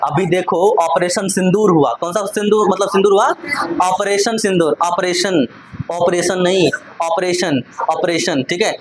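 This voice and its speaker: A man's voice: high voice, moderate pace, crowd noise. A man teaching a classroom lesson, repeating questions for the class to answer and scolding them playfully. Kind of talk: classroom lesson with call-and-response. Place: classroom full of students. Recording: noisy classroom with students.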